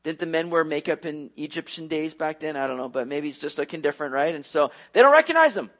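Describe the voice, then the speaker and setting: A man preaching a sermon, retelling a story with lively asides to his listeners. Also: a little high, fast.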